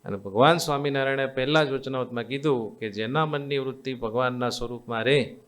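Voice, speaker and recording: This religious discourse comes from a Gujarati-accented man acting as swami, who coaxes and repeats as he teaches a live gathering and tests them with call-and-response questions. He talks fast at medium pitch, with a fairly bright tone.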